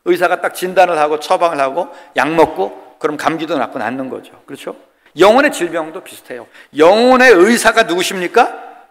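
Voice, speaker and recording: A man's voice: a little high, lively intonation, brisk, gravelly, a bit bright. A man in his sixties, a pastor from the Chungcheong region, preaching a sermon in a folksy, joking way and putting questions to the congregation. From Korea, Chungcheong region. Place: church sanctuary. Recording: long church hall reverb.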